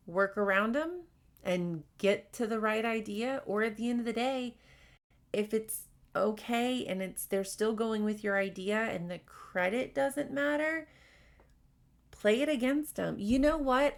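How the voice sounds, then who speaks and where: A woman hosting a casual advice podcast, talking fast and candidly while she reads out workplace stories and comments. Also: medium pitch, vocal fry. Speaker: podcast host.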